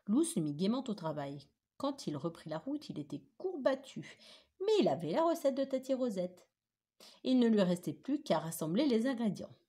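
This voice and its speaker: A woman teacher reading a children's story aloud with animated, expressive storytelling. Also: on the high side, moderate pace, breathy edge.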